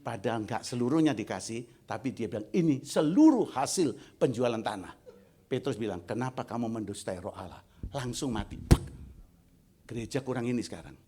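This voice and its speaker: A man's voice: fairly low pitch, fairly quick, darkish tone. A male pastor preaching a sermon, telling a story and acting out both sides of the dialogue. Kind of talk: sermon testimony.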